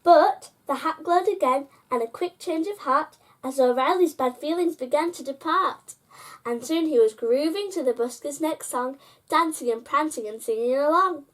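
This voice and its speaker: A high-pitched female storyteller reads a bedtime picture book at normal speed, giving it a sing-song, expressive lilt that matches the rhymes. She speaks directly to the kids.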